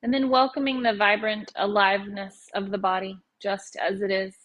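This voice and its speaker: In a lo-fi recording, a woman teaching yoga nidra guides listeners through meditation with a medium-pitched voice. She keeps her intonation very level and speaks slowly, pausing gently between instructions.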